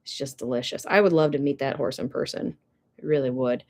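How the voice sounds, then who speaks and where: A young woman hosts a casual livestream from a ranch barn or home, gushing and answering viewer comments. Her voice is a rumbling low, a little mellow, and fairly quick.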